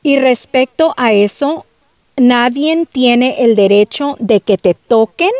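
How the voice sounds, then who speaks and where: A woman's voice: fairly high pitch, animated, slow, a little mellow, no room sound. Dry, dull-sounding woman lawyer. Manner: mixes in English words, explains legal terms. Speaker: lawyer guest. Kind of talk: casual radio chat.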